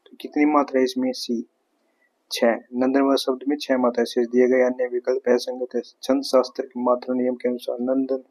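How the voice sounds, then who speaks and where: Male teacher, Haryanvi-tinged, monotone, runs through exam questions methodically, repeats each answer. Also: mid-range voice, rough recording. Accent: Haryanvi-tinged Hindi. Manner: explains step by step, repeats answers, asks rhetorical questions. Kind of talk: exam prep grammar lesson.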